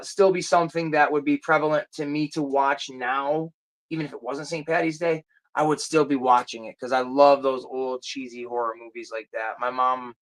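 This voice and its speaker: This host talks loosely to livestream viewers and replies to their comments, letting the conversation drift and pausing while trying to recall names and titles out loud. The voice is in a normal middle range and a bit bright.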